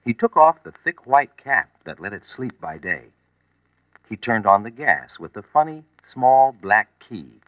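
A man narrating a children's storybook in a slow, expressive reading voice. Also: no echo. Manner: slow, expressive reading with lively, rising and falling pitch. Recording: muffled old vinyl record with music.

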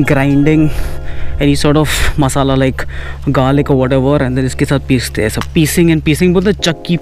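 A man's voice: a little high, a little mellow. A man with an Indian accent casually narrating a walk-around travel vlog, switching between Hindi and English as he talks. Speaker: travel vlogger.

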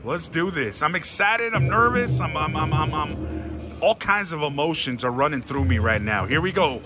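A man giving casual, excited, theatrical commentary as he gambles, repeating phrases pleadingly and addressing his viewers. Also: on the high side, moderate pace. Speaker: slot machine gambling vlogger. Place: busy casino floor at a slot machine. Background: slot machine music.

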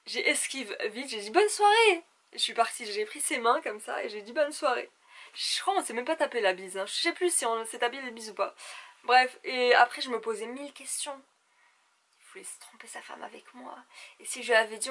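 A young woman chatting to camera in an animated, theatrical way, gossiping casually as if with close girlfriends. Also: a little high, gravelly. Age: young adult. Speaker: beauty vlogger. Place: small indoor room at home.

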